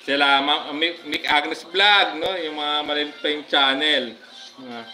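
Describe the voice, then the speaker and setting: A man with a Filipino accent, chatting casually on a live stream, giving viewers shoutouts with many fillers. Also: fairly high pitch, measured pace, faint music behind, low-quality recording. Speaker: livestream vlogger.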